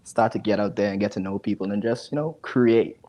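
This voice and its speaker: This man's lowish voice moves briskly as he chats casually, often repeating words, as a guest on a video call from home. He's from the Bahamas, in his 20s, a digital marketing specialist, and he speaks through an earphone headset.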